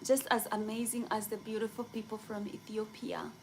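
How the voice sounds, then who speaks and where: A young woman from Kenya chatting casually with viewers on a livestream, rambling excitedly with many fillers. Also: medium pitch, normal speed, a little hiss or hum, rough recording. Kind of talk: casual live chat.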